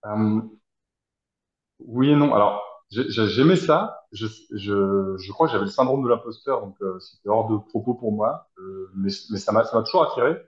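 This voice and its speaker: Man in his 30s, from France, deep-ish voice, hesitant and reflective, echoey lo-fi video call. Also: moderate pace. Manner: reflective, hesitant, searching for words. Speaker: guest, helping professional. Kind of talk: personal interview answers. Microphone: video call from abroad.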